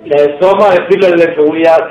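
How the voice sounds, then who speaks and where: A man's voice: fairly high pitch, fairly even intonation, fast, a little mellow, roomy sound, highs cut off, soft background music. A man with a Mexican accent who chimes in with asides while a friend tells a story, in casual, slangy talk. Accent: Mexican Spanish.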